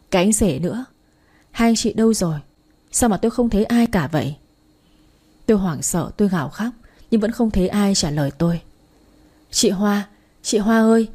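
A woman's voice: medium pitch, warm tone, husky. A woman narrating a dramatic story in the first and third person, voicing all the characters herself.

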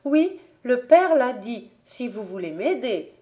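A woman's voice: fairly high pitch, very animated, slow, dark tone, pitched above the performer's own voice. A woman reading as a young peasant girl, earnest and pleading, in a raised voice.

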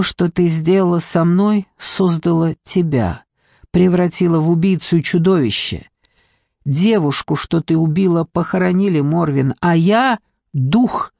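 A man reading an audiobook, voicing a calm young female ghost who speaks steadily and with assurance. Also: on the high side, a little slow, gravelly, no room sound, studio quality. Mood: assured.

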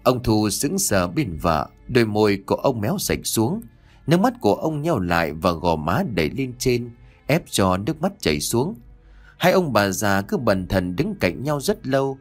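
A man narrating an audio story in a scripted, dramatic, expressive reading. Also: on the low side, normal speed. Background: soft music.

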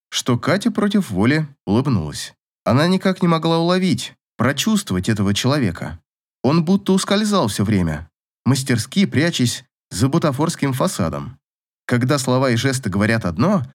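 A man reading an audiobook novel as narrator, in an expressive scripted style. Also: mid-range voice.

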